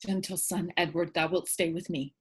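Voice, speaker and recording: Woman acting husky, meek King Henry. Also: fairly low pitch, fairly even intonation, normal speed. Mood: pleading. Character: meek, sorrowful, gentle king. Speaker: actor in staged reading. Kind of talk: Shakespearean verse drama.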